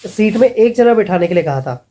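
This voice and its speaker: A man's voice: high-pitched, expressive, fairly quick, mellow. A man, vlogging in a casual, chatty way and calling his viewers friends as he mockingly retells scam calls. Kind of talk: casual vlog warning viewers.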